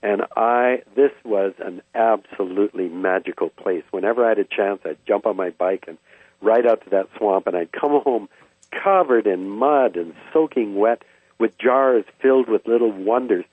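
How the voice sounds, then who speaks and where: Older man, husky, on a thin line. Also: lowish voice, no room sound. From Vancouver, Canada. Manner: reflective, hesitant with frequent pauses. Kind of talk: reminiscing about childhood. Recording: dry, tinny phone-like sound.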